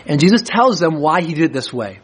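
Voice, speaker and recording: A man preaching a sermon, reading scripture aloud slowly and then explaining it in plain, conversational talk. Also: fairly high pitch, big pitch swings, breathy edge. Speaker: pastor.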